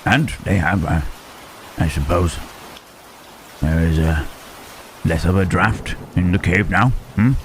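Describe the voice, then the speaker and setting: A man voicing Frankenstein's monster as a lonely, gentle creature who stammers and speaks formally in an ASMR roleplay. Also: sits low, takes it slowly, long pauses, slight background noise. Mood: tender, shy. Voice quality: hesitant, stammering, formal speech. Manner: soft questioning tags, huh, eh, hmm. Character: lonely, gentle male monster, shy and halting. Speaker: voice actor.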